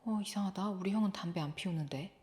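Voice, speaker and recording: A woman voicing a frightened, suspicious teenage boy who blurts out his worries and shouts in panic. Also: a little high, big pitch swings, brisk. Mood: puzzled.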